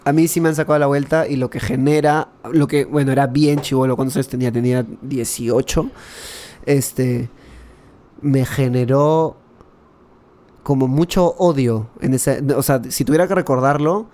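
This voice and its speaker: A young man with a Peruvian accent, telling a personal story in an animated, slangy way, full of fillers, in a casual chat. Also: medium pitch, moderate pace. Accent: Peruvian Spanish.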